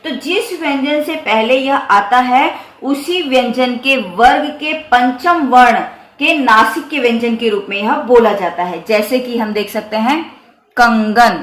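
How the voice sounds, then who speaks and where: A woman teaching a lesson on the written letters, her voice sitting a little high. She talks very slowly and repeats each example with care. The room around her is echoey. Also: fairly bright tone. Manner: slow, careful explaining with repeated examples. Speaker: Hindi teacher. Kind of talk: grammar lesson on the Hindi script.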